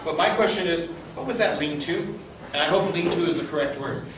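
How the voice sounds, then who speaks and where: A middle-aged man with a fairly high voice leads a campus tour as an informal storyteller. He talks conversationally and checks in with his listeners through questions. He sounds far from the microphone in a very reverberant, noisy space. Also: a little fast, a bit bright. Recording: distant, very echoey, noisy group-tour recording.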